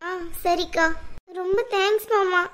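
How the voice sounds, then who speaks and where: A woman's voice: extremely high pitch, fairly even intonation, unhurried, a bit bright. A woman voicing a remorseful younger sister in a cartoon, pleading and apologetic. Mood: grateful. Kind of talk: cartoon voice acting.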